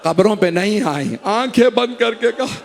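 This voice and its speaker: High-voiced man preaching a mournful sermon. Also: animated, moderate pace, creaky, a little hiss or hum. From Pakistan. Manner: sorrowful, impassioned delivery that rises into cries. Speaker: Shia cleric preaching a majlis. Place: imambargah gathering hall.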